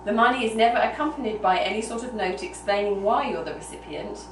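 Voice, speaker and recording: Reading quickly in a mid-range voice, a woman delivers a story storytelling-style to a small group indoors. It's a noisy, roomy live recording taken from a distant microphone.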